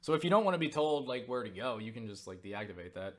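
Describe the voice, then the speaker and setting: A fast-talking young man with a medium-pitched voice takes viewer questions in a casual vlog. He rambles, restarts and fills pauses constantly, dropping casual swear words and getting lively when excited.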